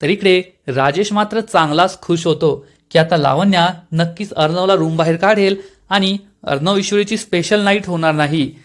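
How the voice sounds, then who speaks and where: A man with a notably high-pitched voice tells the story of a TV episode in scripted narration. He keeps a steady storytelling pace and reads the characters' lines without changing his voice. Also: normal speed. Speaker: serial review narrator.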